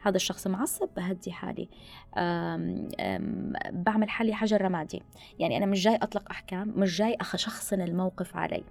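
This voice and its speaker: Fast-talking woman with gravelly voice. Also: lowish voice, faint music behind. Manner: animated advice-giving, mixes in English phrases. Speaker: guest speaker on listening skills. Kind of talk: podcast conversation.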